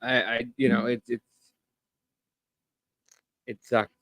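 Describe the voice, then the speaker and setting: A man co-hosting a podcast in casual chat, telling stories in a lively, excitable way. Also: medium pitch, slow, gravelly, no echo. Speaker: podcast co-host.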